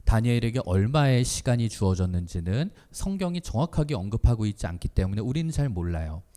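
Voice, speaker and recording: A man preaching to young people in a mellow, dark-toned voice, spinning the story as he goes and acting out the speakers' words himself. His voice carries a long reverb, as if recorded in a church hall. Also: mid-range voice. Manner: storytelling with acted-out quotes, asks the listeners questions. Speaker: youth pastor. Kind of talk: youth sermon. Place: church chapel.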